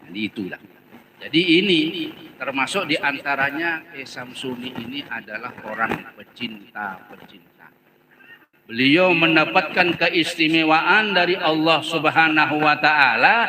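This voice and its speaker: A man's voice: on the high side, background noise. A man with a Banjar Indonesian accent preaching at a religious gathering, telling stories with jokes and often laughing as he acts out the voices. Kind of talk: humorous sermon storytelling. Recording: crowd heard at a live gathering.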